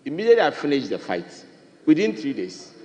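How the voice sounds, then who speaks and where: A man's voice: on the high side, huge pitch swings, brisk, dark tone. A man with a Ghanaian accent giving an insistent parliamentary debate speech as a member. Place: large parliament chamber. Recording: echoing chamber with long reverb.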